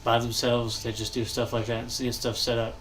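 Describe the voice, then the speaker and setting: A young male gaming channel host, stuffed up and nasal, offers casual commentary while building in a game. His middle-pitched voice is monotone and a little fast, and he rambles and thinks aloud, coughing and clearing his throat often. Light hiss sits in the background.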